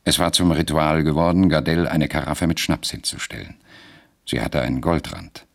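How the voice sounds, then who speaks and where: Very deep-voiced male radio narrator. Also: gravelly. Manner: measured, deliberate storytelling. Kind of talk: scripted radio drama narration.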